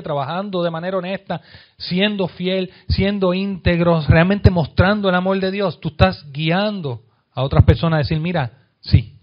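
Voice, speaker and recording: A pastor with a Puerto Rican accent preaching a sermon, asking the congregation questions and reading scripture aloud. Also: male voice, muffled recording. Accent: Puerto Rican Spanish. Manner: reads scripture aloud, dropping soft and low on key lines.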